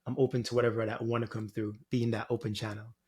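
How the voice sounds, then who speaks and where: This Jamaican man, a spiritual guide appearing as a podcast guest, speaks reflectively and quickly in a lowish, level voice that is a little mellow and slightly rough. His interview answers wander informally and are sprinkled with "you know" and "like."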